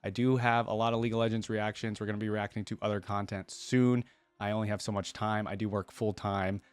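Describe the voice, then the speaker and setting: A man with a fairly low, smooth voice hosts a reaction video, chatting casually and briskly with little pitch movement. He rambles through his thoughts and often checks in with short questions. The sound is dry, with no room sound.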